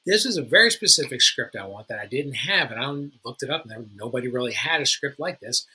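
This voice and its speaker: A man with a very bright, forward tone and a husky edge walks other realtors through his methods. He talks in a loose, chatty way, full of restarts and slang. It sounds like a casual tutorial from one agent to his peers. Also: mid-range voice, expressive, fast talker, low-quality recording. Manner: informal, chatty, self-correcting. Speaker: realtor and channel host. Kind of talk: casual how-to talk to fellow agents.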